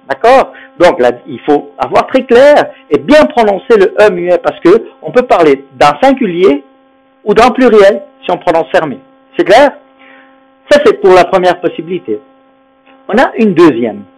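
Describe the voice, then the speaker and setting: Lively high-voiced male phonetics teacher. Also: low-quality recording. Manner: patient, repeats sounds and checks understanding. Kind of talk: explanatory lesson.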